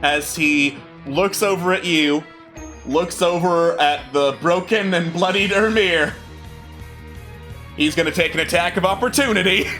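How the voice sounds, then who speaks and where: Male game master, lively narration, bright forceful voice, fairly high pitch, music behind. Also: unhurried. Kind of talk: animated tabletop game narration. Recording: background music under the voice.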